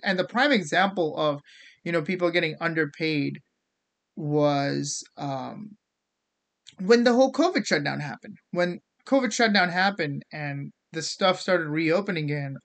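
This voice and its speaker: Medium in pitch with a fairly bright tone, this voice belongs to a show host from India whose sex is unclear and whose American accent carries hints of Indian. They deliver a casual, opinionated rant theatrically and sarcastically, swearing and performing mock quotes.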